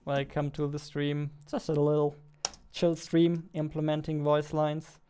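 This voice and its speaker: Flat in delivery and dark in tone, this slightly high male voice moves at a measured pace, with slight background noise in the recording. The speaker is a game developer in his twenties chatting casually on a livestream as he works at an indoor computer desk, muttering and repeating phrases, while keyboard typing and mouse clicks sound behind him.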